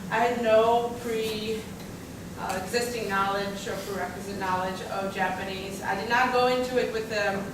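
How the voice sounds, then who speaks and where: A young Russian woman, a native Russian speaker, tells her own story casually on a panel, full of fillers and asides. Her mid-range voice keeps a fairly even intonation at a moderate pace. The room echoes, she sits far from the mic, and there's background noise.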